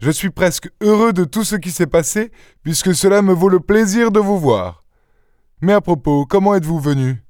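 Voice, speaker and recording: A man voicing an excitable, effusive middle-aged château owner, his voice raised high. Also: moderate pace, no room sound, clean studio sound, lightly acted. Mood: exubérant. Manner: exuberant, effusive.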